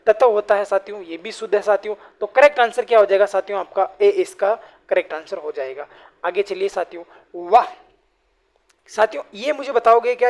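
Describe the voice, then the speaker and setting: A woman teaches an exam-prep class online. She talks in a steady, mid-pitched voice. She keeps asking her listeners a question and then answering it herself, calling them friends again and again.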